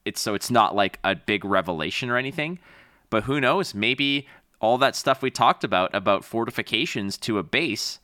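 A man's voice: lowish voice, animated, moderate pace, sharp tone, no room sound, clean studio sound. A man co-hosting a podcast about a card game, chatting in an upbeat, rambling way with lots of fillers. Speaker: podcast co-host. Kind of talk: casual chat.

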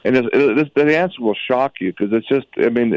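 A man's voice: mid-range voice, fairly quick, no echo. Man on a choppy, breaking-up call line. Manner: emphatic, poses rhetorical questions to listeners. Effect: remote call connection breaking up. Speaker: co-host of a radio talk show. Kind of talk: call-in radio talk. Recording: dull lo-fi remote line.

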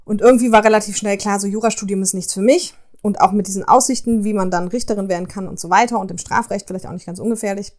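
A woman hosting a podcast, telling personal stories in a chatty, expressive way and speaking directly to her listeners. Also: mid-range voice. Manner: chatty, expressive, addresses listeners warmly as "ihr Lieben". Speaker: podcast host. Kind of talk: casual personal storytelling.

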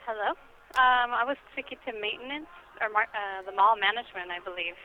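A woman's voice comes through a muffled phone line. She is a store manager with a mid-range pitch, and she speaks politely, sounding puzzled and asking for explanations. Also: fairly even intonation, a little fast. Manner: polite, puzzled, asks questions. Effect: heard over the phone.

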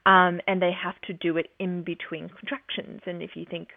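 A woman's voice: lowish voice, flat delivery, moderate pace, gravelly, dry recording, narrow, tinny audio. A woman casually telling the story of giving birth, chatty, with frequent laughs and restarts. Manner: chatty, laughs often, many fillers and restarts. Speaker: guest sharing a birth story.

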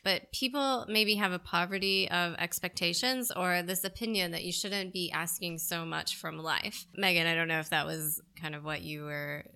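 Co-host, woman, lowish pitch, smooth tone, fluent questioner. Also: steady tone, moderate pace, few pauses, bright, forceful tone. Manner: fluent and articulate. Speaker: podcast co-host. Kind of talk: podcast interview conversation.

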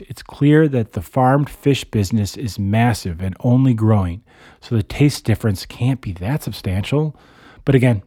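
A man's voice: fairly low pitch, dark tone, no room sound, clean studio sound. A man hosting and narrating a scripted explainer in a nature-documentary manner, with conversational, wry asides. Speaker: host, narrator.

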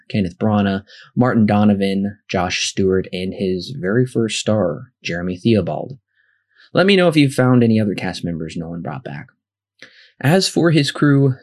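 A man's voice: on the low side, a little mellow. A man hosting a podcast, reading scripted film facts and methodically running through rankings and figures. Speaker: podcast host.

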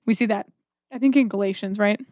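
Speaking briskly in a medium-pitched, darkish voice, a female podcast co-host talks about faith in an earnest, conversational way. She poses rhetorical questions and voices imagined quotes, and the studio recording is clean with no echo.

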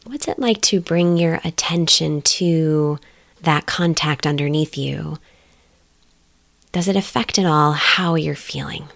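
A woman hosting a podcast, asking slow, gentle guiding questions. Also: sits low, vocal fry, dry recording. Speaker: podcast host. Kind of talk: guided meditation and interview.

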